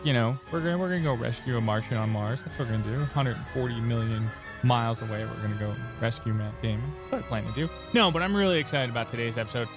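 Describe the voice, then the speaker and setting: A man's voice: mid-range voice, fast talker, music in the background. A man hosting a podcast, telling rambling, joking stories in a casual chat. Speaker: podcast host.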